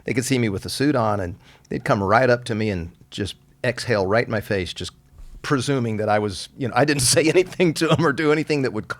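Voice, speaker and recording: A man hosting an interview podcast, often halting and repeating words as he searches for what to say. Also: mid-range voice. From Colorado. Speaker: podcast host.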